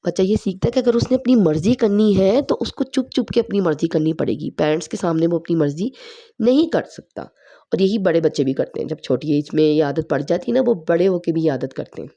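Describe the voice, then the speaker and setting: A woman with a slightly hoarse voice from a sore throat, calmly explaining parenting advice point by point in a home vlog. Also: fairly low pitch. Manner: calm, explanatory advice-giving, pausing on numbered points. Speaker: parenting vlogger.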